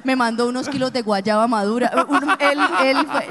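A woman's voice: on the high side, normal speed, a crowd in the background. A Colombian woman in her forties, talking candidly in a casual chat. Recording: reverberant room.

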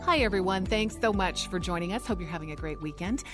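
A woman's voice: on the low side, quick pace, soft background music. A woman hosting a radio show in a conversational presenting style. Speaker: radio co-host.

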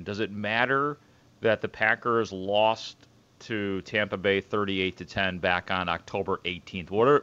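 A man's voice: fairly low pitch, bright, forceful tone, lo-fi sound. A man casually interviewing as a sports radio host.

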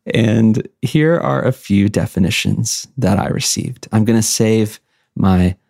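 Low-voiced man hosting a podcast, dry sound. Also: slow, vocal fry, a little mellow, dry recording. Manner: playful, conversational. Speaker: podcast host. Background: acoustic guitar music.

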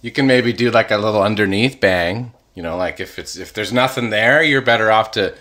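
Bright-voiced man in casual chat. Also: on the low side, fairly quick. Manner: laughing, animated, swearing, acts out plants in loud yelling voices.

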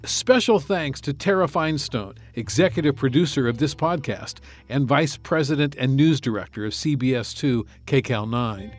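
A man hosting and reporting on a news podcast, delivering measured, scripted narration. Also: medium pitch, animated, soft background music.

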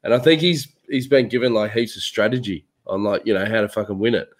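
A man's voice: lowish voice, quick pace. A man chatting casually as a podcast co-host in a blokey, sweary way. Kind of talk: casual chat.

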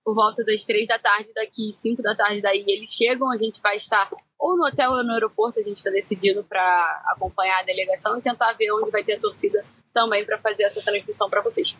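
A woman field reporter joining by video call, talking in a rushed, apologetic way. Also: medium pitch, steady tone, a bit bright, slightly rough, rough recording. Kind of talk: casual remote check-in.

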